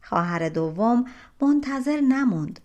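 Gentle woman reading a fairy tale. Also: on the high side, animated. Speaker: audiobook narrator. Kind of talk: scripted storybook narration.

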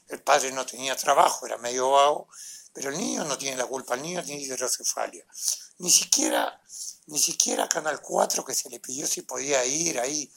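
A man's voice: medium pitch, gravelly, fairly bright tone, husky. A middle-aged man with a Uruguayan Spanish accent delivering an angry, vulgar monologue full of tag questions.

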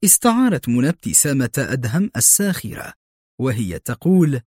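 A man narrating a spy thriller as an expressive, dramatic audiobook reading. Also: mid-range voice, moderate pace, slightly rough, no echo, clean studio sound.

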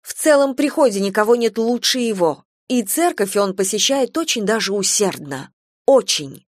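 A woman's voice: mid-range voice, lively intonation, normal speed, no echo, clean studio sound, voice pushed up, lightly acted. A woman voicing a proud, hot-tempered young farm mistress who speaks heatedly in a radio play. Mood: earnest defensive. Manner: heated, insistent.

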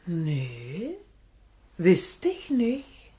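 A sly sharp-tongued washerwoman. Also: on the low side, sing-song, very slow, full character voice. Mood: evasive. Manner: blunt, feigning innocence. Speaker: washerwoman being questioned. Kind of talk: 1950s radio drama acting.

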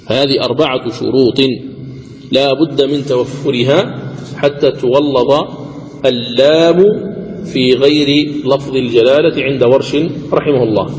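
A man at a mid pitch lectures on the rules of Quran recitation, steady and methodical. He goes over each condition twice and draws the sample words out slowly, half-chanted. His voice rings in a reverberant hall over a faint hum of background noise. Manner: deliberate, repeats each rule, slows to chant examples.

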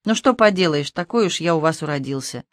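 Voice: medium pitch, expressive, brisk, no echo, studio quality, close to an everyday voice. Reader voicing cheeky young son, teasing. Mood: breezy. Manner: joking, breezy, teasing. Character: cheeky young man teasing his mother.

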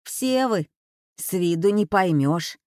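A woman's voice: on the low side, lively intonation, slow pace, darkish tone, dry recording, studio quality. A woman voicing a suspicious, scolding old woman with a nasal voice. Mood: grumbling. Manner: scolding, threatening.

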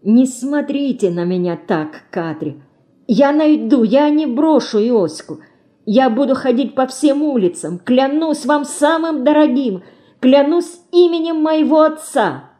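A woman's voice: medium pitch, animated, a little slow, mellow, lightly acted. A woman voicing a determined young girl in a storybook, making tearful, pleading vows.

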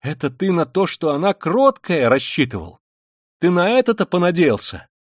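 A man voicing a hysterical, furious widow who screams insults in a high, frantic voice. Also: very animated, moderate pace, no room sound, clean studio sound. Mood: frantic rage.

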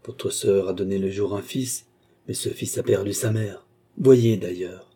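A man voicing a calm, kindly older doctor who speaks with composed authority, in an audiobook reading. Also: lowish voice, measured pace, breathy edge.

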